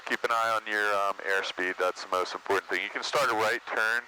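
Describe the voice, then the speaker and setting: A man's voice: fairly low pitch, steady tone, brisk, sharp tone. A man working as a flight instructor, giving matter-of-fact step-by-step instructions and checklist callouts. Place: small airplane cockpit. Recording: noisy aircraft cockpit, radio-like sound. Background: engine and cabin noise.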